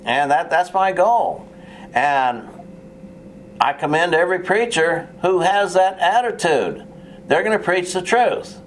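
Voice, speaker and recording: A man's voice: on the high side, slight background noise. A man preaching a sermon in an earnest, plain way, with touches of sarcasm and frequent restarts.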